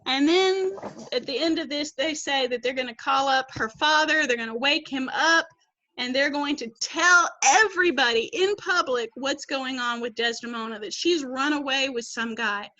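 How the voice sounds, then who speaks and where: A woman's voice: sits high, moderate pace, bright, forceful tone, dry recording. A woman teacher leading an online class, explaining patiently over a video call. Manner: explains patiently, reads quotes aloud. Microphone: laptop mic on video call. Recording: dull lo-fi video call audio.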